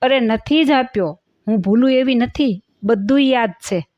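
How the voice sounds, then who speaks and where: A woman reads a scheming older aunt from a devotional storybook, in a slightly high voice, by turns pleading and indignant. The sound is dull and dry, with no room around it. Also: a little slow, no echo, natural voice. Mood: defiant. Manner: pleading, then defiant and indignant.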